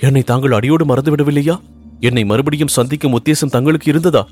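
Brief: man playing a shy, tearful young noblewoman, hesitant, slightly raised pitch. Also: fast talker, a little mellow, slightly rough, faint music behind, natural voice. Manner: sobbing, hesitant.

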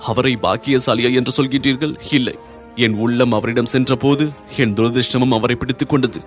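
A man's voice: mid-range voice, steady tone, a little fast, soft background music, lightly acted. A man voicing a grieving young noblewoman who pleads through sobs. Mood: pleading. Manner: sobbing, imploring.

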